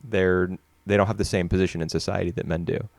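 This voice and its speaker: Man, deep voice, dry close sound, casual podcast chat, halting restarts. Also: steady tone, vocal fry, a little mellow, no room sound. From United States. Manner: hesitant, restarts often, chatty. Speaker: podcast co-host. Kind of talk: casual film discussion.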